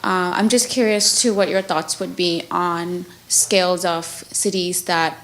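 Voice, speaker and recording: A woman's voice: lowish voice, steady tone, unhurried, fairly bright tone, poor audio. A woman who grew up in Bangladesh and Thailand, asking a panel a frank, informal question from the audience.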